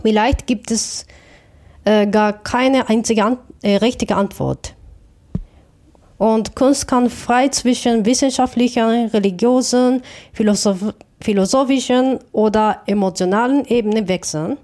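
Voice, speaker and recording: A woman's voice: fairly high pitch, measured pace, dark tone. A woman from Japan, a Japanese native speaker, answering interview questions about her art in a careful, thoughtful way with small restarts. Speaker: artist.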